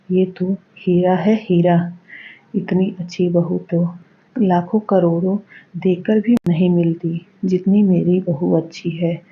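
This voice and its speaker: A woman's voice: lowish voice, creaky, breathy edge, full character voice. Woman voicing an older cartoon mother-in-law. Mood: remorseful. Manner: commanding, emphatic. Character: older mother-in-law, stern then tender. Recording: dull lo-fi recording.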